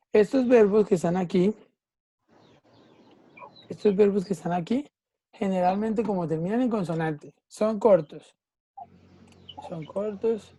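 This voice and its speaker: Her voice sits on the low side and sounds warm. This English teacher explains a grammar rule with patience during an online lesson, frequently pausing to make sure everyone follows.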